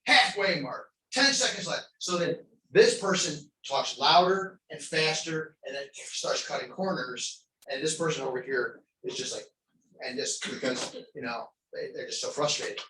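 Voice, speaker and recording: Brief: male trainer lecturing a class, casual and rambling, bright voice, picked up from afar. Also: on the high side, normal speed. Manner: conversational, rambling, many fillers. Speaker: crisis intervention trainer. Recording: echoey training room, distant mic, faint noise.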